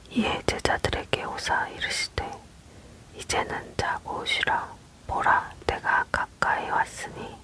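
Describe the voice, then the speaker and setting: Someone whispering a bible reading asmr style, right up on the mic, slow and hissy bright, no voice at all. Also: rough recording. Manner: whispering close to the mic, fully unvoiced. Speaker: reader of scripture. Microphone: close microphone.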